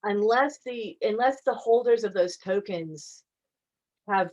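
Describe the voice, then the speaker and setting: A woman's voice: mid-range voice, slow, a little mellow, poor audio. A woman attorney answering audience questions in a conversational way, with frequent fillers and restarts. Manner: hesitant, many fillers and restarts. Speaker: guest attorney.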